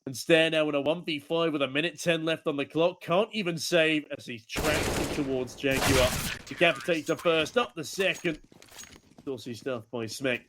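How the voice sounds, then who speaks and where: A man's voice: a little high, normal speed, few pauses. A man working as an esports caster, giving play-by-play commentary on a shooter match. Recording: gunfire and game noise behind. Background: video game gunshots and clicks.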